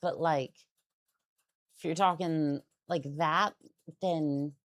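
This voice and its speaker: A woman's voice: deep voice, fairly even intonation, slow pace, no echo. A young adult woman streamer chatting casually while playing a game, rambling and often restarting her sentences. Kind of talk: casual gaming stream chat.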